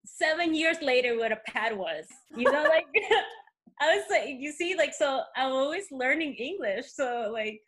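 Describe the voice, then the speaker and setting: A woman whose voice sits high and whose pace is a little slow speaks with a Spanish accent as a native Spanish speaker. She's a podcast guest in casual conversation, storytelling in an animated way with many fillers.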